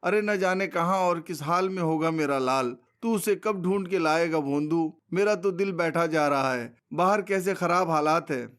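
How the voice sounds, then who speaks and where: A man's voice: on the high side, moderate pace, hardly any pauses, a bit bright, smooth, lightly acted. A man voicing a grieving mother who laments for her missing son in a short story reading. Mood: lamenting.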